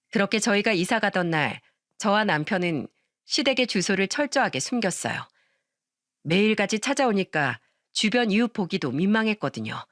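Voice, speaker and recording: A woman narrates a dramatized radio story like she is chatting with a friend. Her pitch rises and falls in a lively way. The recording is dry and close to the mic. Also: no room sound. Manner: expressive, conversational.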